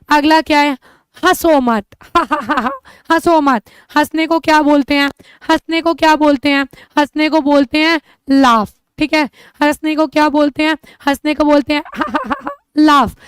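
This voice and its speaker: Woman, English teacher, high pitch, dry close sound, encouraging, quizzing students. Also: dry recording. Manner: encouraging, asks and answers own questions; addresses students as children. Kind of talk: online class lesson.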